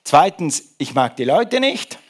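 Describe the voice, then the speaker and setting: A man's voice: a little high, big pitch swings, slow, slightly rough, heavily acted. A man voicing a tired husband grumbling out his excuses for skipping church, in a sermon's joke.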